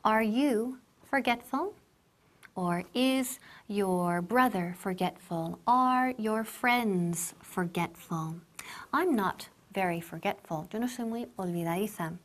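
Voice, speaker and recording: A woman teaching English to Spanish speakers, switching between both languages and repeating words slowly so learners can copy them. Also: medium pitch.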